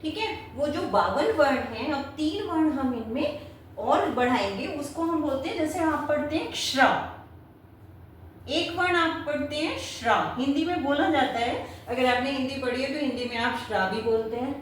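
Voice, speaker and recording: A woman's voice: sits high, animated, moderate pace. A woman teaching a beginners' lesson, patiently explaining step by step and checking in with the learners. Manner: patient, repeats "ठीक है" and checks with questions. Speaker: Sanskrit teacher. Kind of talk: explaining at a whiteboard. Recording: very echoey room, mic far off, faint noise.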